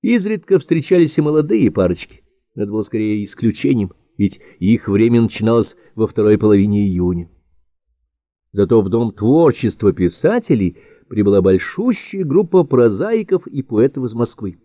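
A man reading an audiobook in a measured, expressive storytelling manner. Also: lowish voice, no echo. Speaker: audiobook narrator. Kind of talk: audiobook narration. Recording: dry, dull-sounding audiobook recording.

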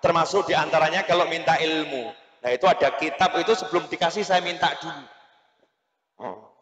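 Guy preaching loud and lively, super echoey hall, long reverb. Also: fairly high pitch, brisk. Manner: animated storytelling, shouted emphasis, chanting. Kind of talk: sermon at a religious school gathering. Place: large hall or open-air gathering.

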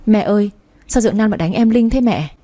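A woman's voice: medium pitch, fast, warm tone, voice pushed up, close to an everyday voice. A woman voicing a fifteen-year-old girl who is protective of her little sister and stands up to her mother. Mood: earnest, pleading.

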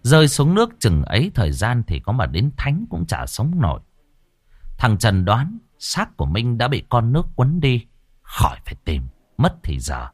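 A man narrating an audiobook story in an expressive, dramatic way. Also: medium pitch, normal speed, dry recording.

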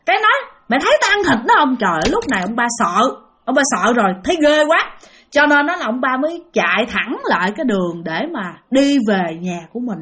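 A woman with a Southern Vietnamese accent tells a ghost story in a high, animated voice. She speaks straight to her listeners and repeats phrases for effect. Her pitch swings widely through the telling.

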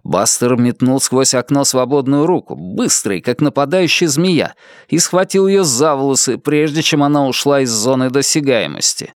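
A man narrating a dark thriller audiobook in a tense, vivid way. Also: medium pitch, normal speed, no echo, studio quality. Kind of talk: dramatic audiobook reading.

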